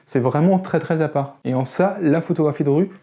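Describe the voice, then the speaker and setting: Mellow-voiced French man explaining photography. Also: a little high, fairly quick. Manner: explanatory, conversational, self-deprecating asides. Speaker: photography channel host. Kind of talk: educational talk to camera.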